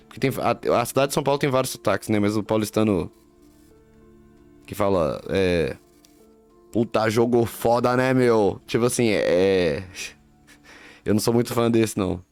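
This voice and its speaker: Streaming a game, this Minas Gerais man offers casual, slangy commentary in his regional Brazilian Portuguese accent. His voice is fairly low and darkish in tone, and he talks briskly with frequent pauses. Game music sits faintly in the background.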